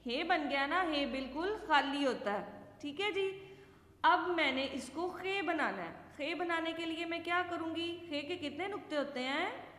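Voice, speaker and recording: Female teacher, high voice, patient children's lesson; roomy, reverberant recording. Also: lively intonation, a bit bright. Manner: slow, patient, asks and answers own questions. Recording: echoey room with long reverb.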